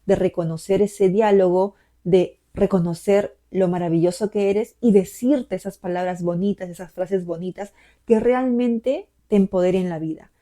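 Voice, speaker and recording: A woman life coach giving a motivational talk to camera in a gentle, encouraging way, asking many rhetorical questions. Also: medium pitch, moderate pace.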